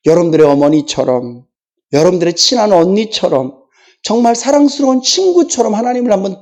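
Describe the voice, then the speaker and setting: A woman pastor delivers a sermon in a church, her voice mellow and warm. She moves between chatty personal stories, told with a laugh, and rising, emphatic pleas to the congregation. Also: fairly high pitch. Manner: emphatic, pleading preaching that rises into fervent declarations; tells personal anecdotes with laughter. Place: church sanctuary.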